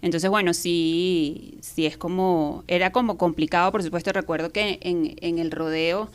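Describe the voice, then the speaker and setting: A woman with a Venezuelan accent, a journalist guest telling stories in a chatty, animated way during a casual radio interview. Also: fairly low pitch, moderate pace.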